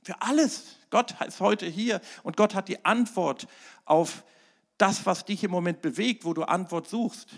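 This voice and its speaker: Gravelly man preaching with sudden loud peaks. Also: sits high, unhurried. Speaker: pastor. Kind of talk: sermon.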